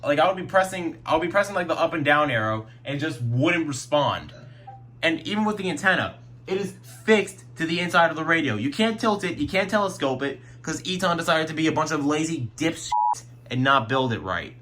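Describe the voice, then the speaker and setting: A man with a slightly high, bit-bright voice talks animatedly and a little fast while showing off his radio collection in a casual nighttime home vlog. He rambles, restarts sentences, and swears at times, and his throat is getting sore.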